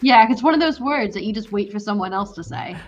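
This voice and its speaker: A woman co-hosting a casual book review show, chiming in with quick, teasing remarks. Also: mid-range voice, lively intonation, lo-fi sound, faint music behind. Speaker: podcast co-host.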